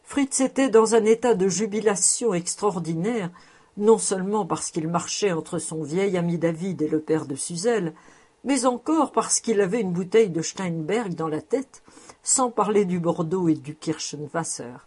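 A woman narrating a novel aloud in a measured, even storytelling manner. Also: lowish voice, husky. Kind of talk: audiobook narration.

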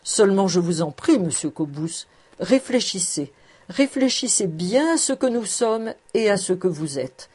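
A woman's voice: medium pitch, animated, a little slow, a little mellow, husky. A woman reading the lines of a humble old male farmer, speaking earnestly and pleadingly.

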